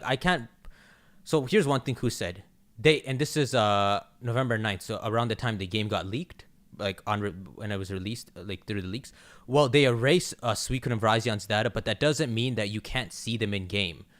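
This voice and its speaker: A young man hosting a casual livestream chat, talking fast and excitedly in slangy fan speculation. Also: on the low side. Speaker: channel host.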